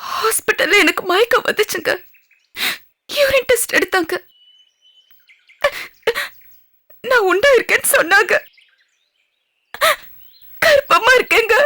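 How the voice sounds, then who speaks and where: A woman's voice: extremely high pitch, lively intonation, normal speed, pauses often, pushed and bright, full character voice. An actress playing a wronged pregnant wife who refuses to stay with her husband, in a TV serial. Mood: tearful. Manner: defiant, indignant. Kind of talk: TV serial acting.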